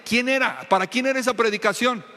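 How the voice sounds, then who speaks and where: A man's voice: extremely high pitch, fairly quick, sharp tone, in a large hall. A man preaching a sermon as pastor, emphatic and confrontational, calling out to the congregation for responses. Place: church sanctuary.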